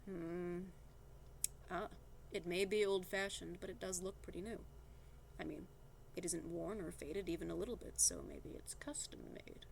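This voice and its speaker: A woman's voice: lowish voice, measured pace, vocal fry, slight background noise. Woman doing a shy, cocky nerdy teen boy. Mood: confident.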